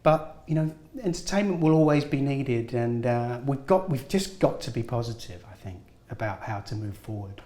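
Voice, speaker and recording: A man's voice: mid-range voice, lively intonation, normal speed, few pauses, darkish tone. A man, a guest actor, giving earnest, encouraging advice in a casual interview. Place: film studio at a school event. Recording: roomy, echoey room.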